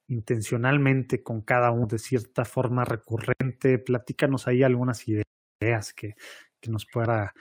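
A man's voice: mid-range voice, darkish tone, no room sound. Host, male, Mexican accent, chatty, tag questions, dry studio sound. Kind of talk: conversational podcast interview.

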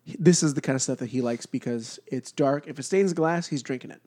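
A man's voice: mid-range voice, fast, darkish tone. A man with congested sinuses and a nasal sound, chatting casually as host of a beer podcast. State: congested from cat allergy. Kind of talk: casual chat.

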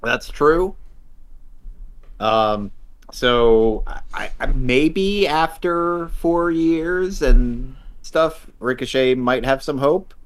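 A man's voice: mid-range voice, expressive, drawn-out words. A man co-hosting a podcast in casual chat, rambling with lots of fillers and dry jokes. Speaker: podcast co-host.

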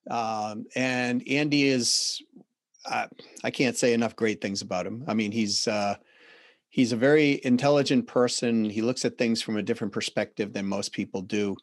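A man's voice: mid-range voice, fairly even intonation, dry recording. Earnest Boston-accented man, dry sound. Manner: earnest, reflective storyteller with halting restarts. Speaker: podcast guest. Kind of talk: casual interview talk.

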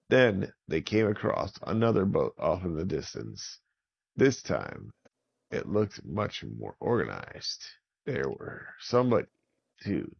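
A man telling a children's pirate story in a relaxed, improvised way, often repeating words for effect. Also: on the low side, vocal fry, dull audio.

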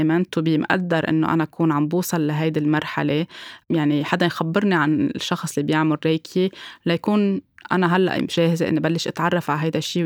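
A woman's voice: low voice, dry recording, clean studio sound. A woman with a Lebanese accent giving a candid, reflective personal testimony, sometimes mixing in English words.

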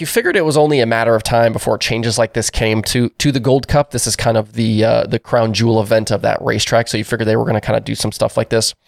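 Congested man, racing news host, brisk informal delivery, dry close sound. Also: mid-range voice, vocal fry, dry recording. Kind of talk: daily racing news show. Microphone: new microphone.

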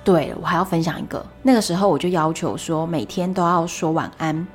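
A woman's voice: lowish voice, a little fast, soft background music. Chatty woman podcast host. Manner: chatty, animated storytelling with exasperated asides. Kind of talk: solo podcast storytelling.

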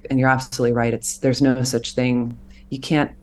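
With a rumbling low voice, a woman in her thirties talks fairly quickly over slight background noise. As a voice actor guest in an interview, she reflects earnestly on her craft and turns animated when explaining.

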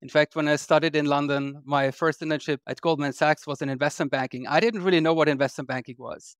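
Smooth-voiced man from Austria. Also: fairly high pitch, fairly even intonation, fast talker, no echo, clean studio sound. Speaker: guest investor. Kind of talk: podcast interview.

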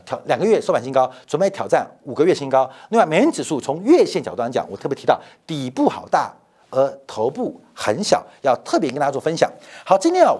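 A man's voice: medium pitch, a little mellow, breathy edge. A middle-aged man hosting a financial commentary show, emphatic and rhetorical, repeating phrases to drive points home.

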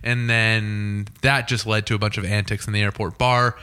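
A Canadian man hosting a podcast, chatting casually and throwing in quick jokes. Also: on the low side, little pitch movement, bright, forceful tone, smooth. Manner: joking, quick quips. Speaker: podcast host. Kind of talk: casual chat.

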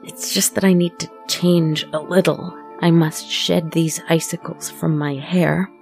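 A woman voicing a weary shapeshifting forest creature in a scripted horror monologue, speaking slowly and deliberately in a husky, creaky voice. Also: sits low, steady tone, faint music behind. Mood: eerie, weary.

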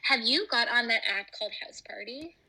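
A woman's voice: on the high side, expressive, fairly quick, pushed and bright, husky, low-quality recording. A woman co-hosting a casual podcast chat, her voice coming from a phone on speaker and re-recorded by a microphone, chatty with lots of "like" fillers. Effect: voice from a phone on speakerphone, re-recorded by a mic. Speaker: podcast co-host. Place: at her home. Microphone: phone on speaker, picked up by the other host's microphone.

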